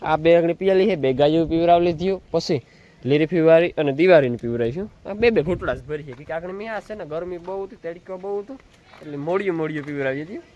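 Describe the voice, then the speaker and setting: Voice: mid-range voice, fast, dull audio. A dairy farm vlogger, chatting casually to viewers and calling out to the cattle, outdoors on the farm. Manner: chatty, calls out loudly to cattle between remarks. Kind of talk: casual vlog narration.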